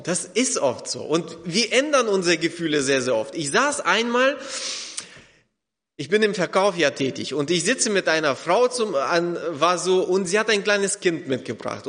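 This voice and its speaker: Emphatic high-voiced preacher in a hall. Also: male voice, very animated, normal speed, a bit bright. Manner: emphatic, repeats key words, acts out quoted doubts. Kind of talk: sermon. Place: church hall. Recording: long hall reverb.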